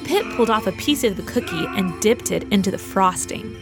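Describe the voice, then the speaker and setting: A woman reading a children's story aloud with gentle, expressive storytelling. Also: mid-range voice, brisk. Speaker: narrator. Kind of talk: scripted children's story narration. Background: music for children.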